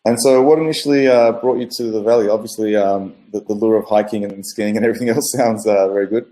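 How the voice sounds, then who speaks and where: A man's voice: fairly low pitch, steady tone, fast talker, mellow. A man hosting a podcast, asking long rambling questions with many fillers in a casual interview. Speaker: podcast host.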